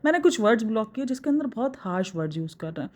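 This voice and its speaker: A woman's voice: on the high side, sing-song, rapid-fire, darkish tone. A woman from Pakistan talking in a casual opinion vlog, arguing emphatically and answering her critics directly. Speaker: vlogger reviewing other vloggers.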